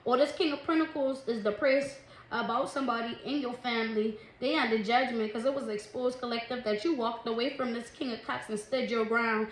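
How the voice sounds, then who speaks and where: High-voiced chatty woman tarot reader. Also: steady tone, a little fast, hardly any pauses. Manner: chatty, calls listeners "collective" and "baby", laughs often. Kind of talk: casual tarot reading. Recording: echoey room, faint noise.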